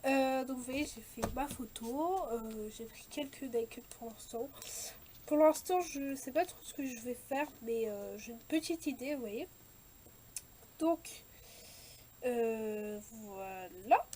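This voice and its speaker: A young woman with a high, light voice talks viewers through a scrapbooking page at an unhurried pace. She hesitates often, trailing off and restarting her sentences, with a faint hiss of noise behind her. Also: warm tone. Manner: hesitant, many fillers and restarts. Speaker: scrapbooking vlogger. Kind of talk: casual craft tutorial chat.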